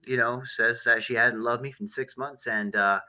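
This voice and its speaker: Bright, halting man hosting a podcast. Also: mid-range voice, fairly even intonation, rough recording. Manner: halting, many fillers and restarts. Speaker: podcast host. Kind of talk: casual discussion podcast.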